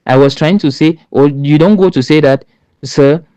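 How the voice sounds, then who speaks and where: A man's voice: a little high, normal speed, warm tone, no room sound, dull audio. A man giving an exam preparation lesson, talking emphatically, repeating himself and checking in with "right?". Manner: repetitive, emphatic, with many restarts and "right?" checks. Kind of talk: spoken lesson.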